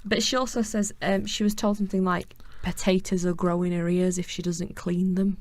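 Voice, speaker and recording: A fairly low-voiced woman with a Yorkshire accent and a gravelly, fry-heavy tone. She co-hosts a podcast in casual chat and tells her stories animatedly, jumping up in pitch to act out what people said. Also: moderate pace. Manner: animated storytelling, acts out quotes in a higher voice. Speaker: podcast co-host.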